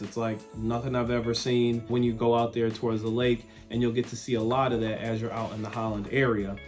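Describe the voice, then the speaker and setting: A man's voice: mid-range voice, a little mellow. A man from West Michigan, the host of a local relocation channel, talking casually and upbeat to camera. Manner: chatty, upbeat, informal. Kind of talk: casual vlog talk to camera.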